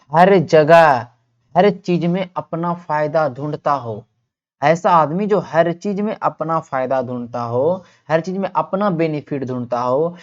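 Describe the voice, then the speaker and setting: A male teacher giving an online vocabulary lesson. He asks questions and answers them himself, and stretches words out slowly so listeners can repeat them. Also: on the high side, highs cut off.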